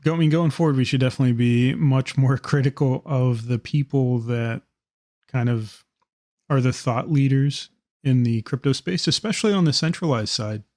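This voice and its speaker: Relaxed reflective man, dry close sound. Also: medium pitch, moderate pace, no echo. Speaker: podcast co-host. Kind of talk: casual podcast discussion.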